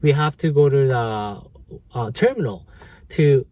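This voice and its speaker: A man's voice: mid-range voice, lively intonation, measured pace, darkish tone, no room sound. A man casually telling a story from an old job to his viewers, full of fillers, restarts and "right?". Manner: rambling, many fillers and restarts. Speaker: vlogger.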